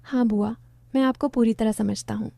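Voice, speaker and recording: A woman's voice: on the high side, steady tone, normal speed, vocal fry, mellow, no echo, clean studio sound. A woman voicing a sulky young man.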